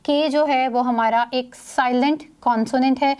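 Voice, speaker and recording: A woman teaching a grammar lesson, explaining in Urdu mixed with English terms and reading example sentences slowly. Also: high voice, steady tone, a little mellow, smooth.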